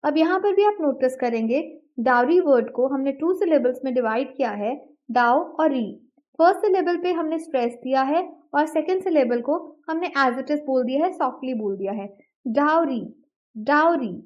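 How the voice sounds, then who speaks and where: Woman, high voice, slow careful lesson narration, repeats each word, dull lo-fi audio. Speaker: English pronunciation teacher. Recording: dull lo-fi recording.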